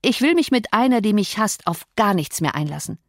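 A woman doing a surly, rough young man. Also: mid-range voice, animated, fairly quick, no room sound, studio quality. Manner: gruff, cursing, defiant. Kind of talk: audiobook character voice.

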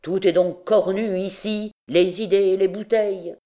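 A woman's voice: medium pitch, steady tone, a little slow, pitched above the performer's own voice, lightly acted. A woman reading an audiobook, voicing a brash, mocking young male student who pleads and jokes theatrically. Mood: defiant. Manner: pleading then cheeky, loud and theatrical. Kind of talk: audiobook reading of a classic novel.

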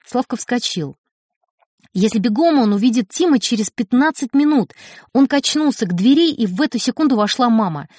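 A woman audiobook narrator reading a story in a measured, expressive way. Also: fairly high pitch, dry recording. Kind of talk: scripted narration. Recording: dry studio recording.

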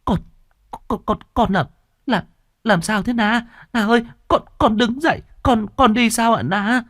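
Man playing sobbing old granny, very high shaky voice. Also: a little slow, fairly bright tone, dry recording, studio quality, exaggerated voice. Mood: overjoyed tearful. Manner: high, trembling, stammering cries. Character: old grandmother, tearful and overjoyed.

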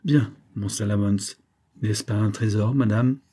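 A man's voice: lowish voice, fairly even intonation, a little slow, mellow, breathy edge. A man reading the part of a scheming middle-aged major, insistent and coaxing.

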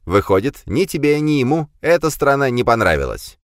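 A man's voice: mid-range voice, very animated, normal speed, no echo, pitched above the performer's own voice, lightly acted. A male narrator voicing a shrewd, composed police commissioner who makes dry, ironic remarks.

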